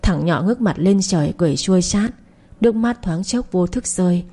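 A woman narrating a story in a steady, even way. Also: fairly low pitch, normal speed, breathy edge.

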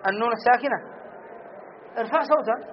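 Brief: male grammar teacher, very high voice, drills example words slowly, lo-fi classroom audio. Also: some chatter behind, a little hiss or hum. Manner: slow, drawn-out repetition of example words, quizzing students. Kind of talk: classroom lesson. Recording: dull lo-fi classroom recording.

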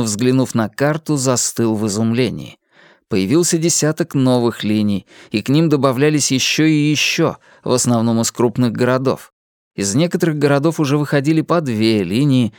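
Audiobook narrator, measured, even reading, mid pitch, dry studio sound. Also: no echo.

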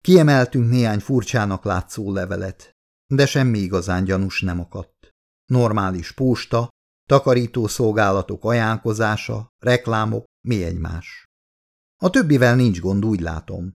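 A calm, practical adviser in an audiobook, read by a man. He talks in a measured, matter-of-fact way, with a low, gravelly voice. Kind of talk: audiobook character voice.

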